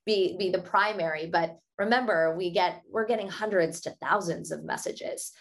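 Being interviewed about her work, a female author with a lowish voice hands out upbeat, conversational advice. She keeps her points short and brisk, laughing often as she explains.

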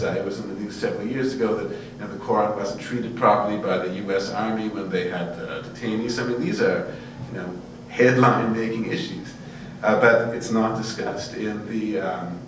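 Male lecturer, very reverberant room, distant mic, erudite and discursive, informal academic delivery. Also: fairly low pitch. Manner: erudite, discursive, checks in often with "right?". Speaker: lecturer in Buddhist studies. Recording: very echoey, distant microphone, faint hum and noise.

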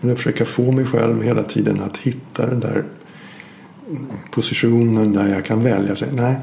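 A man with a low, gravelly, dark voice and flat delivery talks reflectively in a conversation, thoughtful and hesitant, often restarting his sentences. The room echoes, with faint ambience and slight background noise.

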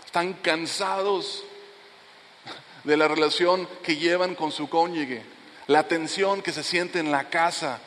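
A middle-aged pastor preaches a sermon in a church sanctuary. His voice sits fairly high for a man, and he drops into soft, low lines to press a point home. A long reverb trails off his words through the hall. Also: slow pace, slight background noise.

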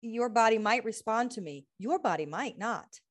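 With a slightly high, animated voice at a moderate pace, this woman from the United States is an interview guest, a healer and writer. Her talk is conversational and earnest, moving through lists of questions with frequent laughter.

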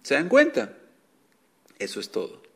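Guy teaching an online class, takes it real slow, patient, goes over examples again and again. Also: mid-range voice, huge pitch swings, a bit bright. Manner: patient, explains step by step and repeats examples slowly. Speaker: English teacher. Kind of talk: online language lesson.

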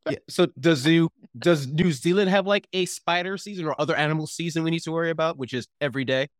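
A man hosting a tabletop role-play podcast, upbeat and quick to laugh in casual chat. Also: a little high, no echo, clean studio sound. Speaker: podcast host.

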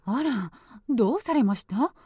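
A polite, informative woman in a radio drama. Her voice is rather high and mellow, genteel in delivery, with a dry close sound. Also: animated, a little slow, breathy edge, dry recording. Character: courteous, gently informative female acquaintance.

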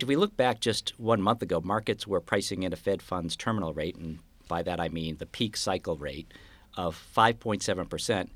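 Man, low voice, dry close sound, measured analytical market commentary, interview guest. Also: fairly bright tone, no echo. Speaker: investment strategist guest.

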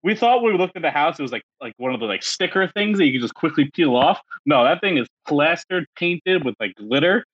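A man's voice: fairly high pitch, a little fast, few pauses, slightly rough, dry recording, highs cut off. A man co-hosting a casual podcast, talking in a loose, rambling way with plenty of fillers. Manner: animated, rambling with many fillers. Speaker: podcast co-host.

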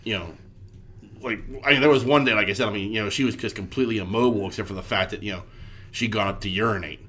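Stuffy and congested with a cold, this podcast co-host talks fast in a low-ish, bright, forceful voice. His casual chat rambles along, peppered with swearing and constant "like."

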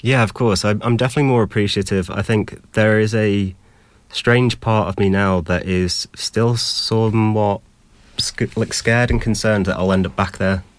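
A young British man with a lowish, steady voice speaks at a moderate pace, giving an articulate, thoughtful account of his own experience as an interview guest. The recording has no echo.

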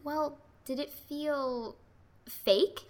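A woman playing a level-headed, exasperated assistant detective in an old-style radio drama, brisk and earnest. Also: sits high, darkish tone. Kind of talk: 1940s radio acting.

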